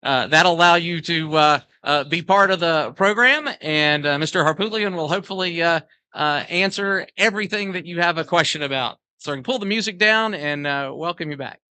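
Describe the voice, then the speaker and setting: A man's voice: a little high, moderate pace, pushed and bright, clear, resonant tone. A man filling in as host of a radio talk show, talking hesitantly with many fillers.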